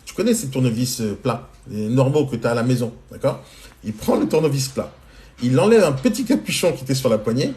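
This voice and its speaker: Brief: quick, animated male storyteller in his forties, slangy and direct, talking to viewers. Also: medium pitch. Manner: animated, colloquial, addresses listener directly. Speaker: entrepreneur answering questions on a live stream. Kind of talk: casual anecdotal storytelling. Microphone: phone mic on a live stream.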